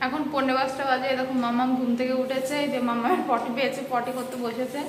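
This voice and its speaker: A young woman, a mother, quietly telling the day's events in a casual home vlog, tired and matter-of-fact. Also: sits high, level tone, fast talker, roomy sound, long reverb tail. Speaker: vlogger, mother. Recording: background noise.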